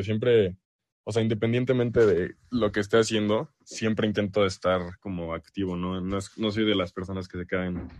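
Being interviewed as a player, a young man from El Salvador speaks casually in a low-pitched, slightly mellow voice with a Mexican accent. The recording is dry, with very little room sound and no echo.

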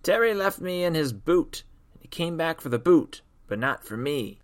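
Casting: male narrator putting on a sour, gloomy old sock, higher pitched and pushed. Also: animated, moderate pace, natural voice. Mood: bitter. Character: gloomy grumpy boy sock, bitter and pessimistic.

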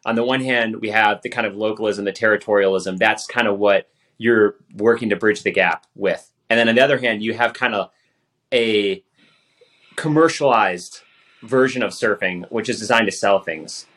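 A man hosting a podcast, talking in a relaxed, conversational way with plenty of affirmations. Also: fairly low pitch, normal speed. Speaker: podcast host. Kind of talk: podcast interview.

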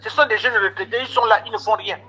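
A man's voice: high voice, fast, husky. A man casually telling a long story, animatedly retelling conversations and quoting what people said to him. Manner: animated retelling of conversations with many quoted exchanges. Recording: dull lo-fi recording.

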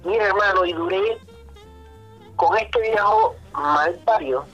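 A man telling a work story as a guest on a casual podcast, animated, swearing, often saying "brother". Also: high-pitched, measured pace, muffled recording, soft background music.

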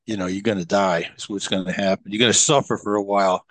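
A middle-aged man, appearing as a podcast guest, rambles casually through long stories full of fillers and restarts. His voice is fairly low, with fairly even intonation and a quick pace, and the recording has no echo.

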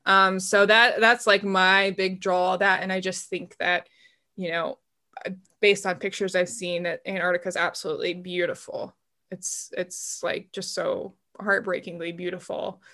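A woman's voice: on the low side, flat delivery, a little slow, sharp tone. Woman co-host, chatty and rambling, easy laughter. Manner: enthusiastic about marine biology. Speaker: podcast co-host. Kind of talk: casual chat.

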